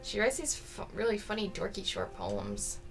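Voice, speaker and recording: Playful gravelly woman co-streamer. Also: medium pitch, huge pitch swings, normal speed, soft background music. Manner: playful, questioning banter. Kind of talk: casual gaming chat.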